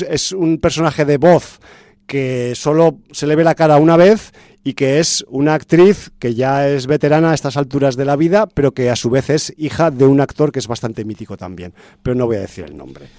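A man's voice: fairly high pitch, moderate pace, darkish tone, no echo, clean studio sound. A man from chatting casually about a film's cast as a podcast host, full of fillers and restarts. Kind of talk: casual film review chat.

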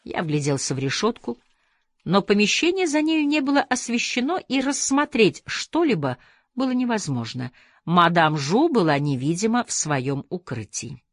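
A woman reading a novel aloud as audiobook narration, measured and even. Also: medium pitch, no room sound, clean studio sound. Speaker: audiobook reader. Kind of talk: scripted narration.

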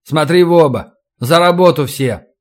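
A man's voice: fairly high pitch, moderate pace, natural voice. A man voicing a tough leader who gives curt, commanding orders. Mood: stern.

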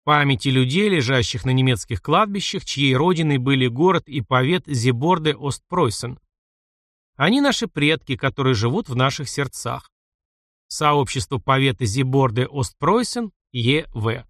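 A man narrating an audiobook in a measured, expressive reading voice. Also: medium pitch, dry recording, clean studio sound.

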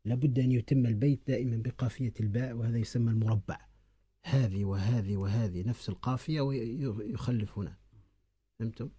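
A man teaching an Islamic lesson to a class, explaining terms and slowly repeating lines for students to write down. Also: mid-range voice, fairly even intonation, mellow, slightly rough, dry recording.

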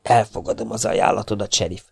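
A man reading the lines of a quiet, menacing young outlaw in an audiobook, keeping his voice hushed and low. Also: little pitch movement, creaky, husky, no room sound, studio quality, heavily acted.

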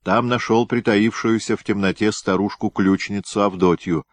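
A man narrating an audiobook in an expressive storytelling manner. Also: fairly low pitch, moderate pace, no room sound. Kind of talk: scripted narration.

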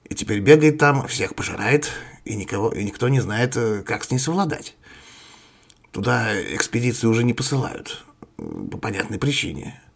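A man voicing a calm, sinister male rebel leader who speaks slowly and courteously, with a husky, creaky voice. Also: mid-range voice, close to an everyday voice. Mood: suave menace. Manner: slow, courteous, menacing.

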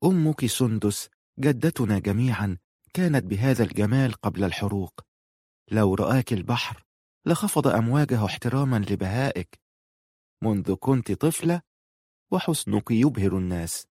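A man voicing an older female guardian, devout and protective, speaking gently and earnestly. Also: lowish voice, lively intonation, moderate pace, long pauses, breathy edge, dry recording, studio quality. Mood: gentle, earnest.

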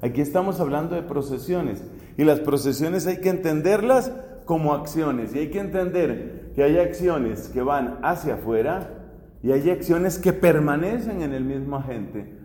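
Recorded in a reverberant, echoey hall, this Colombian man in his fifties, a Dominican friar, leads a theology class at a normal speed. His voice sits on the high side, animated yet mellow, with a Colombian Spanish accent, as he works through the material with questions and ordinary examples.

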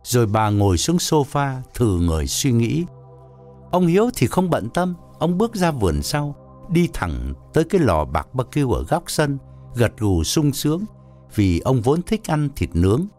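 Brief: male audiobook narrator, lively rising-and-falling delivery, faint music underneath. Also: mid-range voice, a little slow. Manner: expressive storytelling. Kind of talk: scripted narration.

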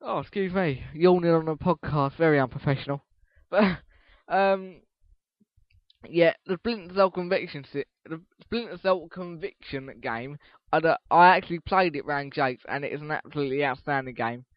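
Rambling teen lad, dull lo-fi mic. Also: male voice, fairly high pitch, moderate pace, no room sound. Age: teens. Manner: rambling, swears casually, restarts sentences. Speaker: podcast host. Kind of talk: casual solo podcast. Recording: dull lo-fi podcast recording.

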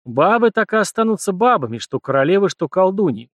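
A man voicing a stern male god who speaks with gruff irony and gives orders. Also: sits high, sing-song, brisk, no echo, voice pushed up. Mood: mocking, commanding. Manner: commanding, gruffly ironic.

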